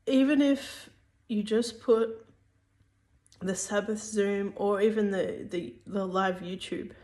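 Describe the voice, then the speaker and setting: A woman's voice: medium pitch, steady tone, slow, darkish tone. A woman giving a casual spoken religious teaching, hesitant, with many fillers and restarts.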